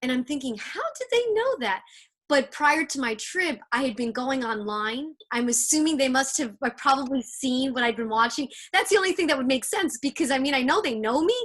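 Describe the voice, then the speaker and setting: A woman's voice: high-pitched, fairly quick, hardly any pauses, fairly bright tone. A woman hosting a casual interview, chatting eagerly and telling stories over a video call. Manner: enthusiastic, chatty storyteller. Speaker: interview host.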